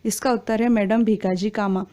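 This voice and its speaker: A woman reading exam quiz questions and their answers in a steady, formal recitation. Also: mid-range voice, moderate pace.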